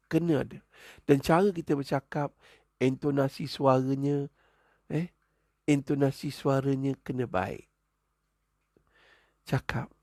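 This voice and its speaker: Gravelly, joking preacher. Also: male voice, mid-range voice, no echo, clean studio sound. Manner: joking, chuckles often, animated asides. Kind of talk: humorous religious talk.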